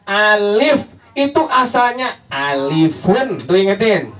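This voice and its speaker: A man's voice: sits high, expressive, normal speed. A man teaching an evening Quran recitation lesson. He jokes and keeps quizzing his listeners with questions they answer together. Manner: jokey, quizzes the audience with call-and-response questions. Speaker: Islamic religious teacher. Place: study hall with a gathered congregation. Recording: congregation calling out answers in background.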